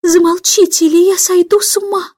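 A woman's voice: high-pitched, normal speed, no room sound, studio quality, pitched above the performer's own voice, close to an everyday voice. A woman voicing a harried middle-aged mother, plaintive and fussing, in a storybook reading. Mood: desperate.

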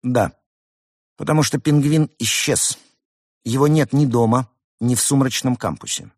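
A man's voice: medium pitch, unhurried, dry recording, clean studio sound, pitched above the performer's own voice, lightly acted. A man voicing a timid male rabbit in a storybook reading, speaking hesitantly and sheepishly.

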